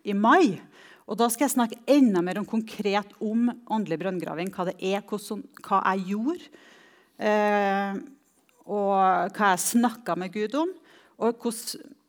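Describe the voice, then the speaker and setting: Middle-aged woman, earnest spoken testimony, reflective, slow emphatic pauses, church talk. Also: mid-range voice.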